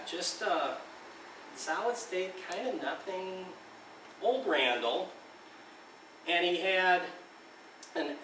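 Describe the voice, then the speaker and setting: An amp designer with a fairly high-pitched voice tells a rambling story in casual conversation, laughing often and acting out what other people said. The recording sounds roomy and distant, with faint ambience and background noise.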